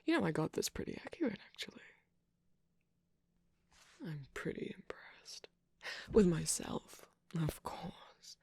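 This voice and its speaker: A sly, manipulative male cookie trickster, voiced for an ASMR roleplay teases and needles in a breathy, gravelly hush. The delivery is slow and unhurried. The voice sits close and dry, with no room around it. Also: medium pitch, big pitch swings, dry recording, heavily acted. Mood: teasing. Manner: teasing, sarcastic, soft whispering with sudden laughs.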